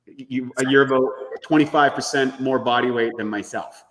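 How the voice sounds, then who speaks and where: A man's voice: mid-range voice, fairly even intonation, normal speed, a bit bright, long reverb tail, a little hiss or hum. A man talking about supplements as a guest expert on a health show, earnest and explanatory. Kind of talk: casual health talk.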